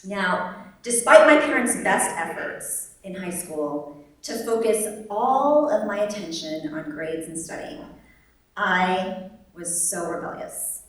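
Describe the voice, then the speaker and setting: A woman's voice: medium pitch, slow. Wry woman telling a story in an echoey hall. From born in Vietnam, raised in the United States. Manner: wry and humorous, animated, lively quoted voices. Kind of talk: live personal storytelling on stage. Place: large echoey venue at a live event. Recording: echoey hall, distant mic.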